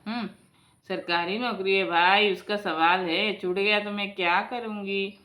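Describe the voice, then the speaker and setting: A woman's voice: mid-range voice, fairly even intonation, a little slow. A woman voicing a scheming young wife who mutters her plans to herself in a told story. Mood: sly scheming. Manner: hushed, sly muttering.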